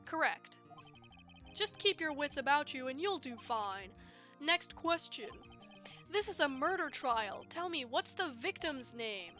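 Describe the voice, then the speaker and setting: A woman voicing a stern older male judge in a game playthrough, speaking formally and measured. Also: high-pitched, very animated, bright, forceful tone, soft background music, exaggerated voice.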